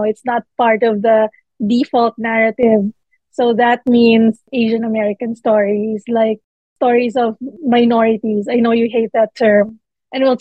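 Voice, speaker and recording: A book editor from the Philippines, appearing as an interview guest, speaks thoughtfully and uses fillers. Her voice is a little high, with no echo, in a dull, dry, lo-fi recording.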